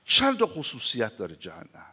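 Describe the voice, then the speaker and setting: A man preaching a sermon who recites scripture slowly and asks the listeners rhetorical questions, swinging between loud emphasis and hushed pauses. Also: mid-range voice, huge pitch swings, breathy edge. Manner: recites Arabic scripture in a slow chanting cadence, then explains it.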